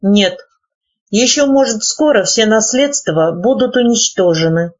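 A woman's voice: fairly high pitch, expressive, measured pace, slightly rough. A woman reading the lines of an earnest, proud young man, formal in speech, in a dull lo-fi recording. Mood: firm. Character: earnest young male nephew, proud and idealistic.

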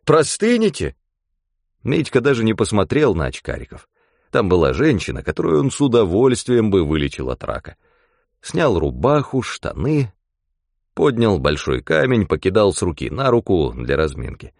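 Low-voiced man telling a wry story. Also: moderate pace, gravelly, no echo, studio quality. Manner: wry, animated. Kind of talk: expressive story reading.

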